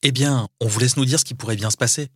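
A man's voice: medium pitch, fast talker, slightly rough, no echo, clean studio sound. A man hosting a children's story show, speaking directly to young listeners from a script.

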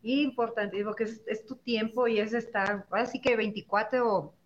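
A woman with a Mexican accent, co-hosting a casual chat, agreeable and quick with short affirmations. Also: on the high side, steady tone. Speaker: co-host. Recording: dull, lo-fi sound.

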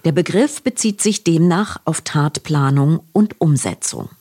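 A woman co-hosting a news podcast, reading a script in a measured, explanatory way. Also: sits low, expressive, warm tone, husky. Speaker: podcast co-host.

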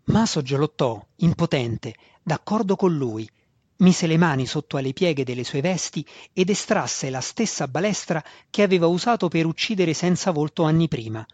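A man's voice: a little high, expressive, normal speed, a little mellow, breathy edge, no echo. Man narrating a fantasy audiobook. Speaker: audiobook reader. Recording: dull, dry sound.

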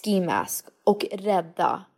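A young woman in casual podcast conversation. She tells anecdotes in a lively, chatty way and slides between Swedish and English. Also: mid-range voice. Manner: animated storyteller, mixes Swedish and English. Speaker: podcast co-host. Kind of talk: casual chat.

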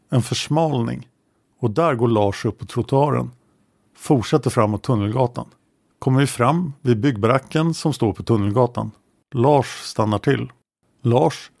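A man narrating a true-crime podcast, reading an interrogation transcript aloud in a measured, matter-of-fact way and naming each speaker before their lines. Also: mid-range voice, creaky, a little mellow, no room sound, clean studio sound.

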